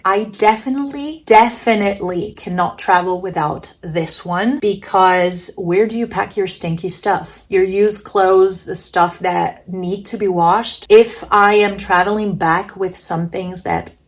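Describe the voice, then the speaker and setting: A woman narrating a casual packing vlog in a chatty, enthusiastic way, with playful self-aware humor. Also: mid-range voice. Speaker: vlogger.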